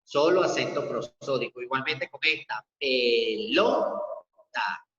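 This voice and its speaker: Male teacher, online class, slow methodical delivery, dull boomy reverb. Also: expressive, a bit bright, a little hiss or hum. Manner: slow, methodical step-by-step explaining. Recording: echoey dull lo-fi room audio.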